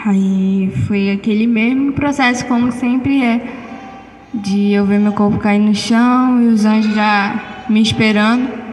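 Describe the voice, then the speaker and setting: A woman giving an animated testimony in church and acting out the conversations she tells. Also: mid-range voice, measured pace. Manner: animated storytelling, acts out dialogue. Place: church hall. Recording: echoey church hall, faint hiss.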